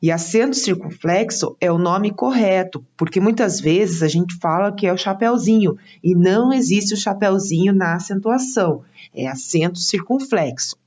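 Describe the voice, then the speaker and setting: A woman's voice: mid-range voice, animated, normal speed, few pauses, darkish tone. A woman with a Brazilian Portuguese accent, steadily reading out a grammar explanation. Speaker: teacher. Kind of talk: read explanation. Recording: dull lo-fi sound.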